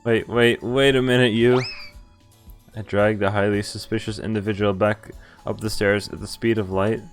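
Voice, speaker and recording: With visual novel music and voiced characters playing underneath, this man streams the game and reads it out at a moderate pace. His voice is fairly low and level, and he trips over lines and breaks off into casual swearing.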